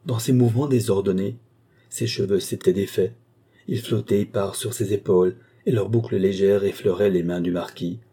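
A man reading a novel aloud in a measured, dramatic narration. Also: lowish voice, steady tone, dark tone, husky. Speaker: audiobook reader. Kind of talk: scripted narration.

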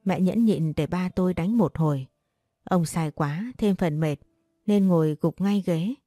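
A young adult woman telling a first-person life story in a calm, even narrating voice. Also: on the low side, unhurried, no echo, studio quality, faint music behind.

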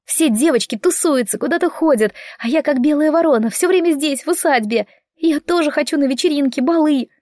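Lady doing a high upset teen girl, pleading and loud, dry audiobook sound. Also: fairly quick, no echo, close to an everyday voice. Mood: indignant, pleading. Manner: pleading, indignant. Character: upset teenage girl, almost fifteen.

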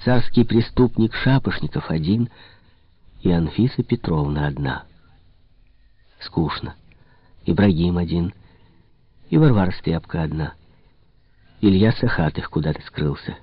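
A man with a very deep, husky voice narrates a literary audiobook, measured and expressive. The recording is dry and close, with a slightly dull, lo-fi tone. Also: no echo.

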